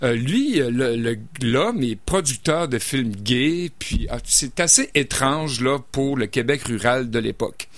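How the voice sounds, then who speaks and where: A man's voice: medium pitch, expressive, a little slow, few pauses, no echo. Guy chatting about novels, lots of euhs and restarts, dry close sound. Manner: chatty, hesitant, with many fillers and restarts. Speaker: book reviewer. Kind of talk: casual radio book review.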